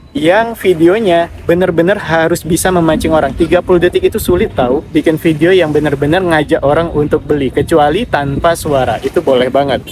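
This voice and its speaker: A man's voice: fairly high pitch, noisy background. A man hosting a casual live Q&A, giving direct advice and reading out viewer comments. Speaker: affiliate marketing livestreamer.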